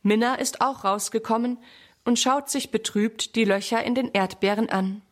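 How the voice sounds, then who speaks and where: A woman reading a children's story aloud in a clear, friendly way. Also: fairly high pitch, moderate pace.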